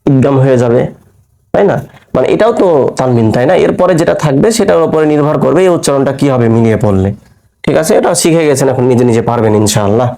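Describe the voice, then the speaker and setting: Explaining tajweed rules step by step, this man poses questions and answers them himself, stretching verse words into a drawn-out, sung recitation. He sounds animated and warm, with a medium-pitched, gravelly voice.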